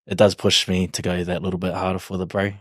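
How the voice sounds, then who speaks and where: This podcast guest, a New Zealand rugby league player in his twenties, chats casually in a broad accent, slangy, easygoing and hesitant. His low voice keeps a level tone at a quick pace, and the recording is dry and studio-clean.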